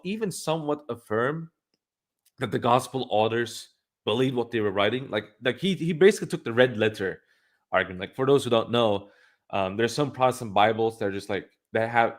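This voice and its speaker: A man hosting a livestream, giving blunt, opinionated commentary and thinking aloud with frequent restarts. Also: medium pitch. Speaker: livestream host.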